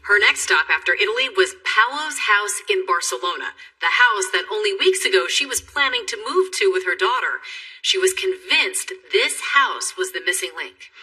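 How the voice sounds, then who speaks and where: A woman giving scripted, measured narration for a news documentary, posing questions. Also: mid-range voice, expressive. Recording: distant mic under loud music.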